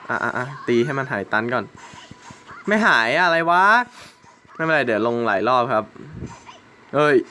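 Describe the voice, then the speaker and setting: Bright-voiced young man commenting on gameplay. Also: mid-range voice, fast talker, a little hiss or hum. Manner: chatty, swears and exclaims at the game. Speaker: gaming channel host.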